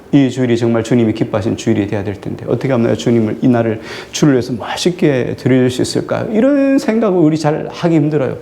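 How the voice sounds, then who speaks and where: A male pastor preaching a sermon to his congregation, putting questions to them and answering them himself, and drawing out key words slowly for emphasis. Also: medium pitch, gravelly, warm tone. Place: church sanctuary.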